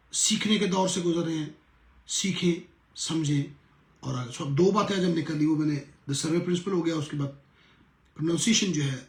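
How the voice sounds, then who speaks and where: A middle-aged pastor with a slightly high voice teaches a lesson in an earnest sermon style, slowly repeating words to show how they're pronounced. The room is echoey.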